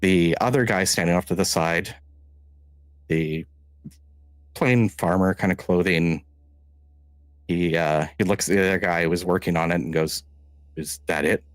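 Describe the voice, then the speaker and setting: Man, game master, deep voice, halting narration, close dry mic. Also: dry recording. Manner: halting, restarting descriptive narration.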